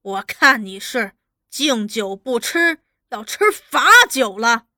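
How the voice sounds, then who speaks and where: A woman voicing a scheming, cruel male officer who mocks and threatens, barking orders loudly. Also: on the high side, lively intonation, slow, no room sound, studio quality, full character voice. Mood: menacing. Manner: mocking, threatening, loud barked orders.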